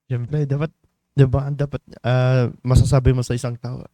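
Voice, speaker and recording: A man with a Filipino accent leads a morning church devotion, speaking at a middle pitch in a loose, chatty way. He often stops to ask the listeners questions and teases them. The sound is dry and close, with little room echo. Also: little pitch movement, normal speed, warm tone. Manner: conversational, teasing the congregation, many tag questions. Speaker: devotion leader.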